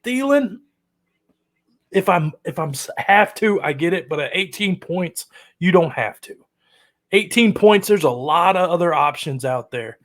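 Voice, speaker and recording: A high, bright-pitched man hosts a fantasy football show and rattles off opinions in quick, slangy bursts. He keeps the energy up with casual banter throughout. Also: lively intonation. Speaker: fantasy football podcast host. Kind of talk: casual hyped-up podcast chat.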